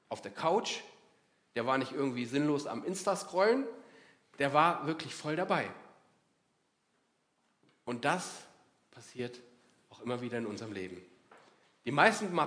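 A man preaching a sermon in a lively, conversational way, acting out inner voices as he talks. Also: medium pitch.

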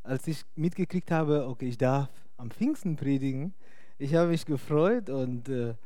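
A young man whose first language isn't German gives an informal sermon in German, talking hesitantly with lots of fillers and frequent laughter. His mid-range voice is warm and moves at a normal speed, captured in a dry, clean studio recording.

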